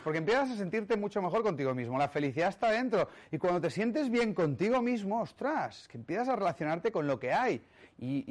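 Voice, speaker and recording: A man from giving a motivational talk, emphatic and rhetorical, often checking in with the audience. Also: a little high. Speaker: speaker on personal growth.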